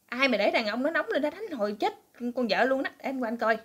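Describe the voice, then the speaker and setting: Woman playing nosy husband, excitable, gossipy, in a folk tale. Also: high-pitched, quick pace, breathy edge. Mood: worked up. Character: curious nosy husband, middle-aged man.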